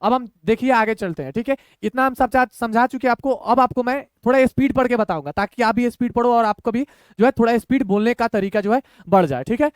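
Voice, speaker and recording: A man teaching Hindi reading in an online lesson, patiently breaking words into syllables and repeating them slowly. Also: extremely high pitch, clean tone, no echo, clean studio sound.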